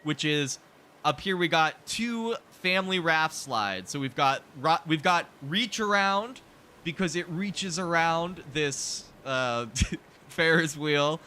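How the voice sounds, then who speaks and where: A man doing casual, excitable gameplay commentary, joking and swearing freely as he tours his theme park. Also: fairly high pitch, slow, a little hiss or hum. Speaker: streamer showing a theme park build.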